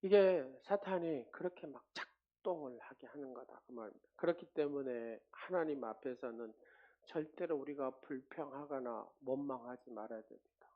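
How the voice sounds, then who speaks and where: A male pastor delivering a sermon in a mid-range voice, caught on a slightly dull, muffled recording. He throws questions at the congregation, booms on key lines, then drops to near-whispers. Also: moderate pace. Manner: lively, swings from loud exclamations to hushed asides, calls out to the congregation.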